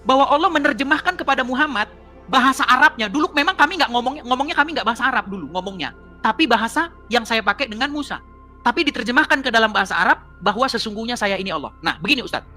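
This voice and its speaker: A woman's voice: on the high side, animated, quick pace, bright, forceful tone, soft background music. A woman arguing in a heated debate, mocking her opponent and laughing as she presses her points.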